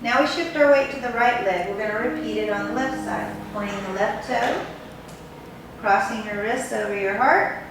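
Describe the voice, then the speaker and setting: A woman leading guided tai chi as an instructor, giving step-by-step movement directions in unhurried, measured phrases. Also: on the high side, noisy background. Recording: very echoey room, distant mic, music behind.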